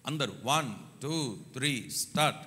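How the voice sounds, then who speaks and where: A male pastor preaches to his congregation in a hall with a long, ringing reverb. His voice sits at an ordinary middle pitch. He repeats phrases for emphasis and presses the crowd to call back louder. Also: lively intonation, unhurried, a little hiss or hum. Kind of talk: sermon. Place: church hall.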